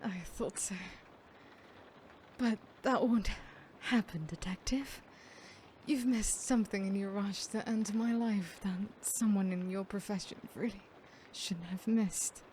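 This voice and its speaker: Feigning weakness while staying menacing, a woman voices a smug, sadistic female serial killer for an ASMR horror roleplay, unhurried and theatrical with frequent breathy whispers. Her mid-range, darkish voice sounds close to everyday speech, with a slight hiss or hum underneath.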